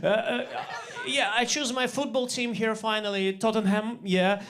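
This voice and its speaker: A man in his forties from Russia with a Russian accent, doing a stand-up comedy set on a club stage, deadpan and halting with many fillers and restarts. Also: high voice, a little hiss or hum. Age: 40s.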